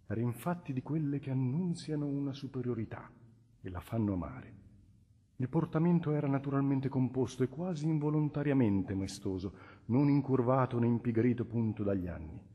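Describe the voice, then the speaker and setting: Husky male audiobook narrator. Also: lowish voice. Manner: measured, expressive reading. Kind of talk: scripted literary narration. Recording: long hall reverb.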